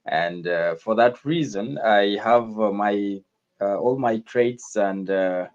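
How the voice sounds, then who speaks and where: Guy being interviewed, really low voice, kinda dull lo-fi sound, lots of uhs. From northern Uganda. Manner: measured, frequent uh fillers and repeated words. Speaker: radio show guest. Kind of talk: conversational interview.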